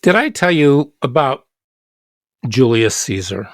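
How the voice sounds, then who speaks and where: A man's voice: medium pitch, big pitch swings, takes it slowly, no room sound, clean studio sound. An older man, a longtime teacher, telling a classroom anecdote in casual chat and acting out the exchanges.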